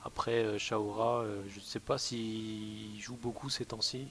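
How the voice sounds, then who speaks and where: A man's voice: fairly low pitch, little pitch movement, unhurried, fairly bright tone, soft background music. A man chatting casually as he co-hosts a live game stream.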